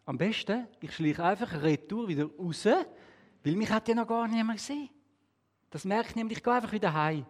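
A man's voice: sits high, lively intonation, a little fast, voice pushed up. A man voicing a small, unsure male wooden figure, timid and full of questions.

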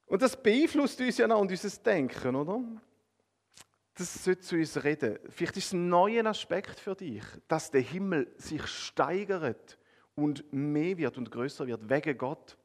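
Man, Swiss German accent, preacher, sermon, high voice, expressive, moves between emphatic and hushed. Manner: expressive, swinging between emphatic rises and hushed, drawn-out passages; addresses listeners directly with a conversational "oder?".

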